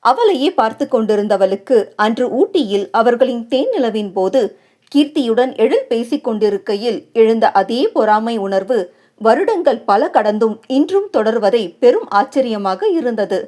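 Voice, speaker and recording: Woman narrating a novel, a bit high. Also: moderate pace. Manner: steady, expressive storytelling. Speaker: audiobook narrator.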